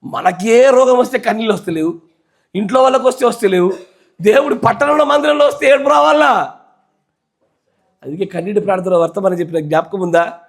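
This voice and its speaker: A man with a Telangana Telugu accent preaches from the pulpit, his voice sitting notably high for a man. He keeps quizzing the congregation, breaking up the sermon with questions and demands for a yes or a no. The talk is delivered in a church. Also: brisk, long pauses. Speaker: pastor.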